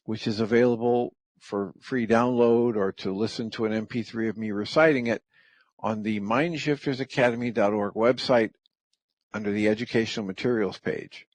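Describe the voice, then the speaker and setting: A middle-aged man hosting a radio show, calmly and gently walking through the steps of a practice. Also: lowish voice, normal speed, no echo. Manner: calm, gentle, step-by-step explaining. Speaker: radio host. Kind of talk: reflective talk radio teaching.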